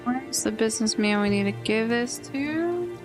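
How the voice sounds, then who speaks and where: A woman's voice: on the high side, lively intonation, normal speed. A young woman streamer chatting casually and thinking aloud while playing a game. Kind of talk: casual let's play commentary. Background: game music.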